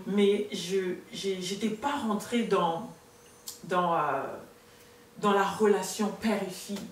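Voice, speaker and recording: A woman's voice: medium pitch, slow pace. A woman in her thirties telling her personal faith testimony as a talk show guest, earnest and hesitant with many restarts. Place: studio set with sofa, indoors. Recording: roomy, distant, faint room noise.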